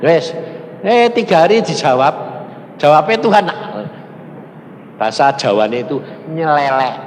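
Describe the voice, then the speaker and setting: A man's voice: on the high side, unhurried. A man with a Javanese accent preaching a storytelling sermon, acting out the voices in his story and slipping into local dialect. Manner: animated, acts out quoted voices, mixes in local dialect. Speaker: evangelist preacher. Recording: long reverb in a large hall, faint noise.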